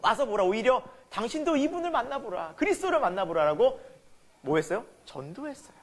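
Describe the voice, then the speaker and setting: Guy preaching a sermon, high voice that jumps all over, keeps quizzing the church. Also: a little fast. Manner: lively preaching, asks the congregation questions and answers them. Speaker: pastor.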